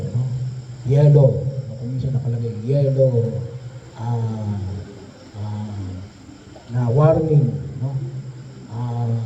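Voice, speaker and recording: A priest giving a homily, often pausing on tag questions. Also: male voice, mid-range voice, dark tone. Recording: echoey room from a distance, dull sound, faint noise.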